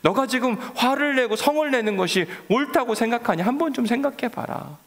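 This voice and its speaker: A pastor doing God, grieved and reproachful. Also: male voice, extremely high pitch, animated, fairly quick, a bit bright, long reverb tail, voice pushed up, full character voice. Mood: pleading reproach. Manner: pleading, reproachful questions. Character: grieved male God reproaching his prophet.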